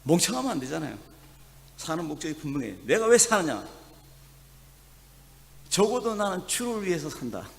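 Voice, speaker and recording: A pastor from Chungcheong gives a sermon in a high, lively voice that leaps up and down. He drops to near-murmurs and then rises to forceful, emphatic passages. Long reverb from the church hall trails behind every phrase. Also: moderate pace, creaky, pauses often. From Chungcheong, South Korea. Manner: swings from soft asides to loud emphatic preaching. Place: church sanctuary.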